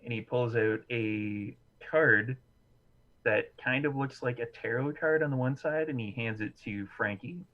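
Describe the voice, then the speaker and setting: A man narrating a live tabletop game as game master, relaxed and quick to laugh. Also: mid-range voice, dull audio, slight background noise.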